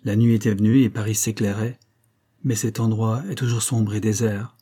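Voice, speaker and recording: Male audiobook narrator, steady and measured, dark husky tone. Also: fairly low pitch. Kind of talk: scripted narration.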